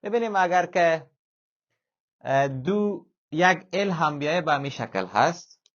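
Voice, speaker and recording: A man's voice: fairly high pitch, lively intonation, fairly bright tone. Patient male teacher. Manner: patient, repeats example words slowly several times. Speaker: German language teacher. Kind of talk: classroom-style language lesson. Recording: slightly dull lo-fi sound.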